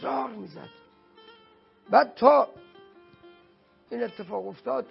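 A man's voice: extremely high pitch, creaky, husky. A man from Iran telling an emotional religious anecdote and acting out the dialogue with feeling. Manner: heartfelt, acts out quoted dialogue. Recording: dull lo-fi sound with faint music.

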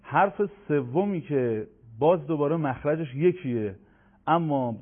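A man gives a radio lesson on recitation, walking through each point step by step. He stretches out syllables to show how they should sound, in a somewhat high voice that comes through a narrow, phone-like broadcast line. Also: expressive. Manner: explains step by step, stretches out sounds to demonstrate them. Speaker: Quran recitation teacher.

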